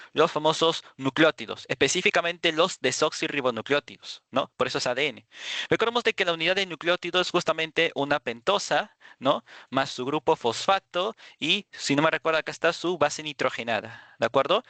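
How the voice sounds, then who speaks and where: A man's voice: fairly high pitch, pushed and bright, no echo. A man teaching a workshop class from slides. He keeps checking in with his listeners and repeats words as he goes. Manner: checks in constantly with "de acuerdo"; repeats words, small restarts. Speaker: workshop instructor. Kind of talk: lecture with slides.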